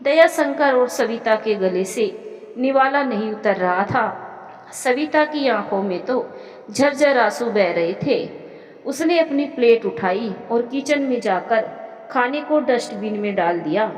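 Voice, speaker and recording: A woman narrating a moral family story in a steady, dramatic storytelling manner. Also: fairly high pitch, a little slow. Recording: echoey room with long reverb.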